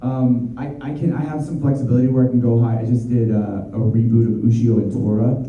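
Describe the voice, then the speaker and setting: A man in his thirties, a voice actor, fields fan questions at a convention Q&A in a chatty, rambling way full of fillers and restarts. His mid-range voice is fairly even in intonation and brisk. The panel room recording is echoey, muffled, picked up from far off, with slight background noise.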